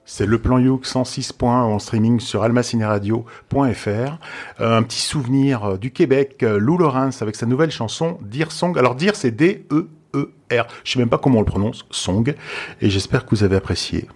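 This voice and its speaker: A man hosting a radio music show, chatting in a relaxed, joking way. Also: mid-range voice, moderate pace, slightly rough. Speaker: radio host. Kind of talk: casual radio chat.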